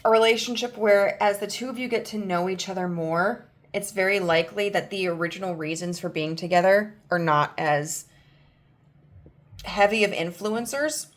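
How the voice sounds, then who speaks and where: A woman in her thirties giving a casual tarot reading, chatty and loose, full of fillers and restarts. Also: lowish voice. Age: 30s. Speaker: tarot reader.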